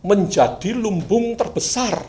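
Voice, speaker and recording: A male pastor preaching a sermon, moving from loud bursts to quiet asides. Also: sits high, unhurried, slight background noise. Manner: lively, swings from loud bursts to quiet asides, sings briefly. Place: church hall. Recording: echoey hall, mic at a distance.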